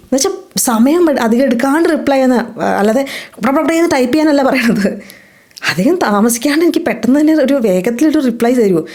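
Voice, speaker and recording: A woman with a Malayali accent teaching a spoken English lesson. She asks questions and answers them herself, and says the English example sentences slowly and clearly. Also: a little high, darkish tone.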